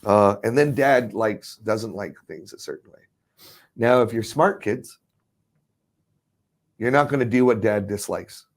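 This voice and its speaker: A man's voice: on the low side, a little slow, pauses often. A man teaching about ministry in casual chat, rambling with restarts and frequent chuckles.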